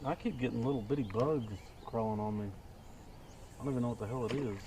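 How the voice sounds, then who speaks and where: A man's voice: medium pitch, quick pace. A man chatting casually with his fishing partner outdoors on a boat. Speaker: fishing companion. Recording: noisy outdoors, distant from mic.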